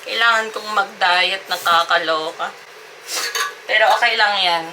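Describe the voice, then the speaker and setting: A chatty young mother talks straight to her viewers from home, breezily switching between Tagalog and English as she addresses them as fellow moms. Her voice sits at a middle pitch. Household noise runs clearly underneath her. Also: unhurried, sharp tone. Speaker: family vlogger and mother. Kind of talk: casual chat to camera. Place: home indoors, kitchen and bathroom.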